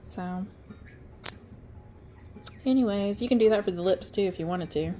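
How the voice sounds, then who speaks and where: Speaking warmly at a moderate pace over soft background music, a medium-pitched woman hosts a casual craft tutorial via screen-share. She's audibly congested and chats through the steps with many ums.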